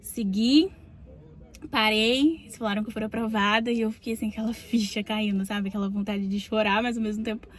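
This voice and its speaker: A woman's voice: medium pitch, fairly even intonation, brisk. A young Brazilian woman, a psychologist and podcast host, telling a personal story in a chatty way, often adding little tag questions. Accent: Brazilian Portuguese. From Brazil, Rio de Janeiro state.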